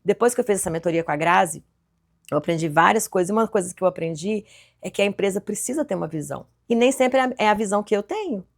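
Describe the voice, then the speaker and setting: Brazilian woman business owner, guest; rapid-fire, lively storyteller who often restarts her sentences. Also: mid-range voice, creaky. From Goiás, Brazil. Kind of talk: casual interview chat.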